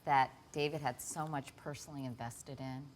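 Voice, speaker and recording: A woman hosting a talk show, asking measured, probing interview questions. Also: rumbling low, steady tone, slight background noise.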